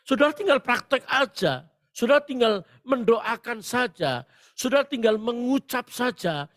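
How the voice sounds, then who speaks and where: A male pastor delivers a Pentecostal sermon in a very high, animated voice at normal speed. He tells stories with great animation and bursts into shouted proclamations.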